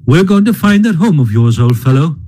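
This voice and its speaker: A man doing a hearty, brisk Rat. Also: a little high, very animated, warm tone, husky, exaggerated voice, low-quality recording. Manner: hearty, bossy, cheering. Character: brisk, hearty male water rat, kindly companion.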